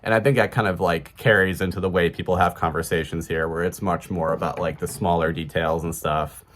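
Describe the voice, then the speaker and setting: A man's voice: sits low, fairly even intonation, a little fast, fairly bright tone, slight background noise. A man in his thirties with a Chicago accent, talking casually to camera in a rambling way, full of fillers and restarts. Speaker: vlogger.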